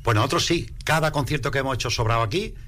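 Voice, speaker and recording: A Spanish-accented singer from Spain, fronting a rumba band, gives a casual radio interview, emphatic and repeating his phrases. His medium-pitched voice is fast, bright and forceful.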